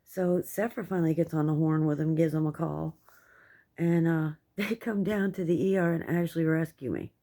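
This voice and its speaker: Low-voiced, toothless middle-aged American woman. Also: moderate pace, warm tone. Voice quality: toothless speech, no teeth in. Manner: rambling, candid, coarse-worded. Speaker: vlogger. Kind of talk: casual personal update to camera.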